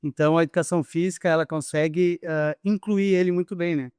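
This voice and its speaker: A man's voice: on the high side, fairly even intonation, brisk, a little mellow, clean tone, no echo, studio quality. A man, a physical education teacher, answering interview questions in a thoughtful, hesitant way with many fillers.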